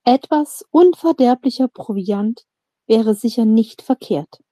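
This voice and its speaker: A woman's voice: fairly high pitch, animated, takes it slowly, dark tone, no echo. A woman reading the lines of a practical male dwarf companion in an audiobook, plain and matter-of-fact.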